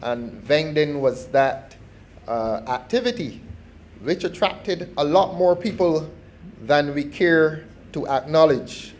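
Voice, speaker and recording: A middle-aged man with a Barbadian accent gives a formal parliamentary speech, measured and deliberate, often restarting his phrases. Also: on the high side, animated. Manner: measured and formal, with repeated false starts. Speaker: member of parliament.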